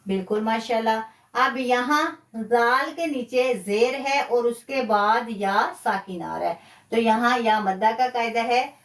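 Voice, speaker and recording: Slow high-voiced woman teacher. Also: roomy sound, recorded from a distance. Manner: slow, patient explaining with repetition. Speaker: Quran tajweed teacher. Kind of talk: live online lesson.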